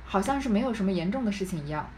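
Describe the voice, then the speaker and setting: Woman reader-commentator, mid pitch, explanatory asides, faint background noise. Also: lively intonation, very fast. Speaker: reader and commentator on a classic novel. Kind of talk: reading aloud with literary commentary.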